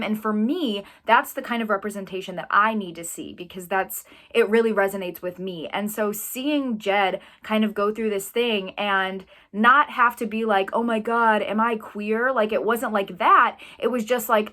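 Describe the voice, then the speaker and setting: A woman's voice: medium pitch, bright, forceful tone. A young woman reacting to a TV episode in a chatty, gushing way, full of fillers. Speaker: TV reaction vlogger.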